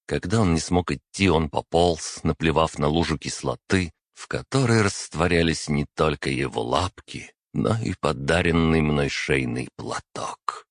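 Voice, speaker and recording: A man reading a first-person fantasy audiobook in a measured, steady storytelling manner. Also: extremely low pitch, no room sound, clean studio sound. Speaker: audiobook narrator.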